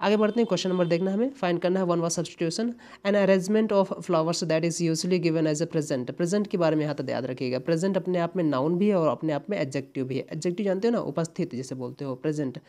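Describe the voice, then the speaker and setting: A man's voice: a little high, fast, hardly any pauses, mellow. A man tutoring exam English, explaining step by step and repeating key words with frequent tag questions. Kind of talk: exam-prep lesson.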